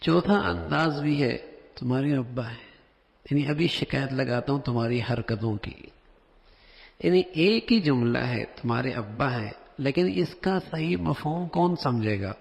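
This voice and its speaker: Gravelly male preacher in a reverberant hall. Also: fairly high pitch, animated. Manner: explanatory, acts out example phrasings. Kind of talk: sermon.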